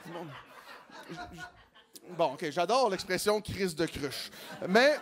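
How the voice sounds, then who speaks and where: A man with a Québécois French accent performing a stand-up comedy routine, animated and jumping into quoted voices. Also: takes it slowly. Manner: animated, acts out quoted voices with big pitch jumps.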